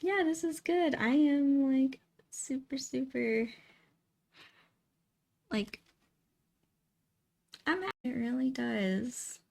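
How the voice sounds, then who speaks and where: A woman's voice: sits high, very slow, vocal fry, pauses often, darkish tone. A woman hosting a painting livestream, chatting casually and informally as she works. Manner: greets viewers by name, informal. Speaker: live stream host, painter.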